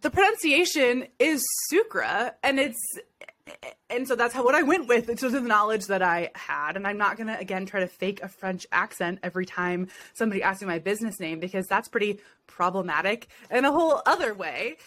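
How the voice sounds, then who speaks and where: A young woman from Ohio talks in a casual podcast chat. She is chatty and self-deprecating, laughing easily as she talks, with a voice of middling pitch. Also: animated, brisk, fairly bright tone. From Ohio, USA. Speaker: podcast co-host and business owner.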